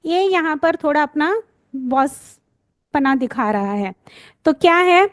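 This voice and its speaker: A woman's voice: sits high, animated, takes it slowly, dry recording. A woman teaching phonics, patiently sounding out letters and words and checking in with her students. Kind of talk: spoken lesson, sounding out words.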